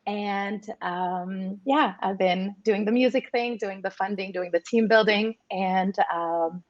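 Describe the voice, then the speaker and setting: A woman's voice: mid-range voice, slow pace. Woman guest telling her story, open and thoughtful, kinda dull audio. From Morocco, raised in Canada. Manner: candid, reflective, with small laughs and fillers. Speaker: guest, singer-songwriter. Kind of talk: casual interview chat.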